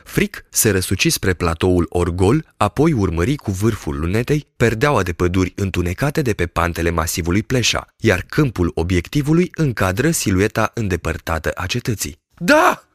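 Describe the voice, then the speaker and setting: A man narrating a classic novel as an audiobook, in a measured storytelling manner. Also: low-pitched, big pitch swings, dry recording, clean studio sound. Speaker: audiobook reader.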